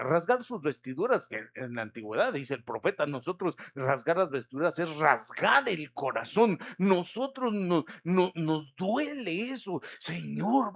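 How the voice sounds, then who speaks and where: A man preaching a sermon in church as pastor, building from soft talk to loud, impassioned calls. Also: sits high.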